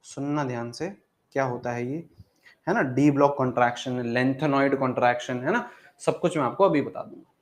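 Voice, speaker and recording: A man's voice: medium pitch, moderate pace. A man teaching an exam-prep chemistry lesson, repeating questions to his students and calling them 'beta'.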